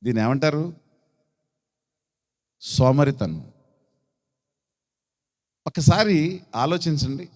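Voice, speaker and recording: A man preaching as a bishop at a church service, reading scripture in a slow raised chant and questioning his congregation, with a Telugu accent from Andhra Pradesh. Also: on the high side, animated, darkish tone. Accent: Telugu-speaking, Andhra Pradesh. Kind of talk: sermon. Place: church hall. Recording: long hall reverb.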